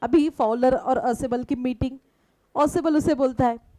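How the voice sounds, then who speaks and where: A woman teacher explaining a story to students, reading lines slowly and then explaining them in simple words with frequent checking questions. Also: sits high, fairly even intonation, mellow, dry recording, rough recording. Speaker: English teacher. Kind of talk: classroom lesson explaining a story in Hindi and English.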